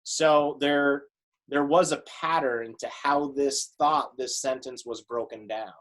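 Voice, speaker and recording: A man teacher explaining a poem in a casual, relaxed way, with many "you know" fillers. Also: medium pitch, takes it slowly. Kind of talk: classroom lesson.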